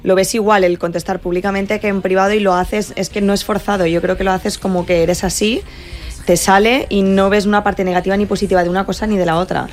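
A woman's voice: medium pitch, fairly even intonation, fast, soft background music. A woman, co-hosting a radio interview in a conversational way and summing up what the guest says. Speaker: radio co-host.

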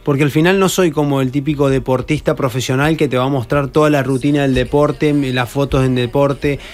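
An Argentine man with a Rioplatense accent tells a story as a guest on a radio show, rambling and restarting as he goes. His voice sits in a middle register. Faint music plays softly behind him. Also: medium pitch, fairly even intonation, a little fast. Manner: chatty storyteller, many restarts. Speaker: professional padel player, radio guest. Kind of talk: casual radio interview. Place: radio studio.

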